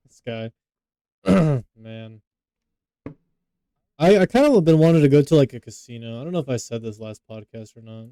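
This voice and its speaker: A man's voice: medium pitch, expressive, moderate pace, pauses often, dark tone, clean tone, no echo. A young man co-hosting a podcast, talking loosely and profanely with lots of filler words. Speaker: podcast co-host. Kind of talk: casual podcast chat.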